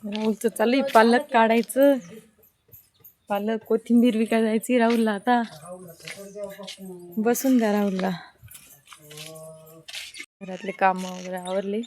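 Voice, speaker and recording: A woman's voice: a little high, fairly even intonation, unhurried, long pauses, darkish tone, slight background noise. A woman, chatting matter-of-factly through a casual farm vlog, recorded outdoors on a phone. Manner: chatty, matter-of-fact, talks to her child while walking. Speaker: vlogger, farm mother.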